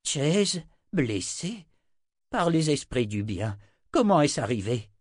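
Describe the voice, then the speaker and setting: A man voicing an excitable, hot-tempered old wizard in an audiobook. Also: mid-range voice, drawn-out words, no echo, studio quality, pitched above the performer's own voice. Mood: agitated. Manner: agitated, exclaiming.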